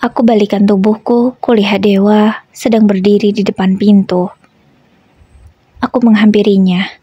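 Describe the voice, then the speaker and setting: A woman narrating a first-person story in a calm, gentle way. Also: mid-range voice, normal speed, husky, dry recording, dull audio.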